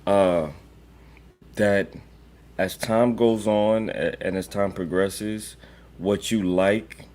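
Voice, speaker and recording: A man's voice: lowish voice, fairly even intonation, drawn-out words, pauses often, a little mellow, slight background noise. A young adult married man co-hosting a podcast in joking, emphatic casual chat. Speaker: podcast co-host.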